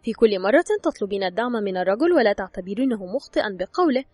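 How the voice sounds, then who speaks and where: This audiobook narrator delivers a scripted advice book, addressing the listener directly and telling them what to do. Her medium-pitched voice is expressive, fast, darkish and a bit rough, recorded dry with faint music in the background.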